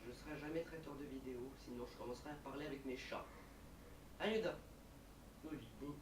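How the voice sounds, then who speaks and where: A man's voice: mid-range voice, fairly quick. A man doing amateur video commentary, hesitant and stumbling over his words, recorded in an echoey room far from the mic with faint hiss. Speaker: youtuber in his old video.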